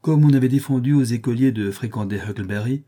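A man reading a classic novel aloud as an audiobook narrator, in a measured storytelling manner. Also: medium pitch, dark tone. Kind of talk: scripted narration.

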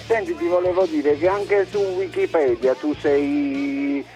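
A man from Naples, calling a radio show and talking in a hesitant, halting way over a muffled phone line. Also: on the high side, mellow, soft background music. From Naples, Italy. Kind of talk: unscripted phone-in chat.

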